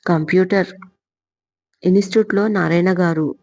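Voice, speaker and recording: A woman voicing a bossy elder sister who scolds her younger sibling in firm, sharp commands, in a dull lo-fi recording. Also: fairly low pitch, fairly even intonation, normal speed. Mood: stern.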